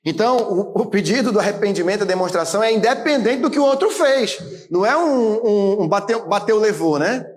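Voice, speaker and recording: A man in his late thirties, a pastor, preaching a sermon in a conversational way, with frequent tag questions and occasional shouted emphasis. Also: sits high, animated, brisk. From Brazil. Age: 30s.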